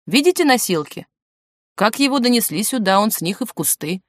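A woman's voice: fairly high pitch, very animated, brisk, dry recording, studio quality, pitched above the performer's own voice. A woman reading the part of a blunt, joking helicopter pilot in an audiobook. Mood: blunt, urgent.

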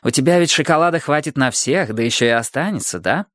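Storybook schemer, sly and persuasive, soft and unhurried, read by a man. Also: fairly high pitch, lively intonation, no room sound, clean studio sound, lightly acted. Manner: slow, wheedling and quiet.

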